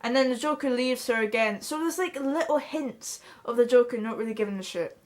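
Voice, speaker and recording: This young Scottish vlogger has a voice on the high side and a brisk delivery. Sitting in a small bedroom with the camera close in front, she chats casually, bluntly, and with plenty of swearing.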